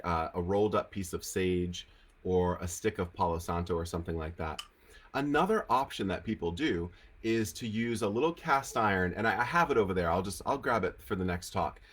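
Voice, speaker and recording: Low-pitched man, Rhode Island accent, nasal congested tone, casual Q&A host, conversational explanations. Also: fairly bright tone. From Rhode Island, United States. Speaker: host of a live Q&A. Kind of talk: casual spiritual teaching, answering viewer questions. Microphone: on camera with lighting setup.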